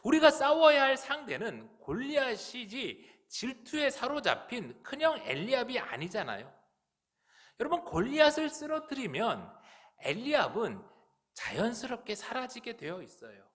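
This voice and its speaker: High-pitched, highly animated male pastor. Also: moderate pace. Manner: earnest, rhetorical questions to the congregation. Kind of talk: sermon. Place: church sanctuary.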